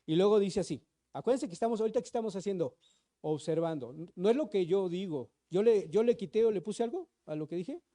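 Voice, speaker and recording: A man preaching a teaching sermon, often asking the congregation questions and reading scripture slowly and deliberately. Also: high voice, lively intonation, mellow. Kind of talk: sermon, teaching Bible study. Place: church, streamed live.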